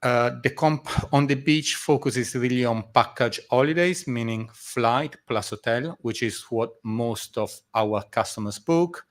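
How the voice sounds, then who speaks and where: A middle-aged man from Argentina and Italy, giving a measured conference presentation with frequent pauses in a meetup room. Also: medium pitch. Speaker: guest speaker. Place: meetup room before a live audience.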